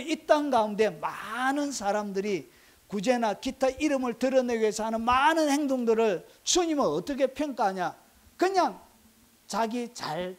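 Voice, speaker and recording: A middle-aged male pastor preaching a sermon, with emphatic rising bursts and rhetorical questions to the congregation. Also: sits high.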